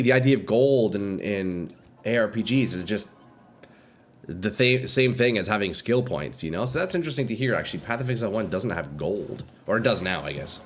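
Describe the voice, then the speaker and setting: Speaking into a desk microphone with a stuffy nose, a young man streams a game live and chats with viewers. His mid-range voice is laid-back and full of slang.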